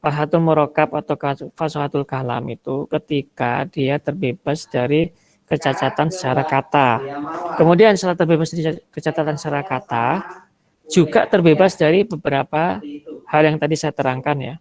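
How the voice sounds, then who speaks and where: A man's voice: fairly high pitch, normal speed, darkish tone. A man from Indonesia teaching an online Arabic rhetoric lesson in a conversational way, explaining with spoken examples. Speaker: religious teacher.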